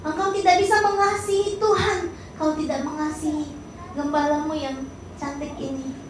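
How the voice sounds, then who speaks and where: A woman pastor preaching a sermon in an animated way, acting out quotes and asking the congregation questions. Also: high voice, normal speed, very echoey, background noise.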